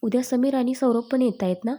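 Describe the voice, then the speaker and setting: A loving young bride-to-be with a coaxing, playful way of talking, as a woman narrator plays her. Her voice is fairly high and mellow. This is an audio storybook reading. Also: a little fast, close to an everyday voice. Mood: tender.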